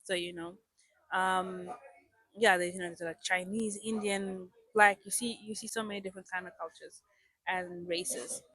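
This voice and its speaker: A woman's voice: fairly low pitch, fairly even intonation, moderate pace, fairly bright tone, breathy edge, no room sound. A young woman, a guest raised in South Africa with English as her first language, chatting casually in an interview with many ums and restarts.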